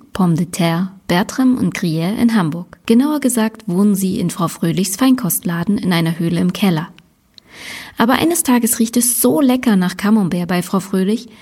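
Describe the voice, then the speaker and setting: A woman presenter retells a children's book plot. Her voice has a husky edge. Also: mid-range voice, darkish tone. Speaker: library presenter. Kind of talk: retelling a story.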